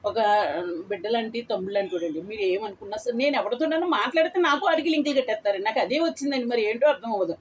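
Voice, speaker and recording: A woman's voice: a little high, animated, racing, slight background noise, poor audio. A woman in her eighties chatting bluntly and at length to her viewers in a casual vlog. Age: 80s. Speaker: vlogger. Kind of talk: casual chat to camera.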